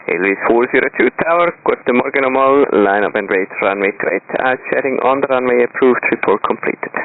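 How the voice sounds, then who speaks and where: A man's voice: medium pitch, a little fast, no room sound. A man working as an air traffic controller over radio, giving clipped, courteous standard instructions. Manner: procedural, courteous, with short greetings. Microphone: radio transmission. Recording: tinny narrow-band aviation radio.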